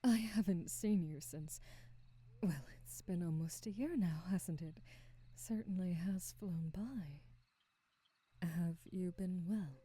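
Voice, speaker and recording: Softly half-whispering with breath in her low voice, a woman portrays a centuries-old witch who keeps a shop in an ASMR roleplay, kindly, maternal, and wise. Her formal, unhurried phrasing feels tender and reassuring, and there's no echo.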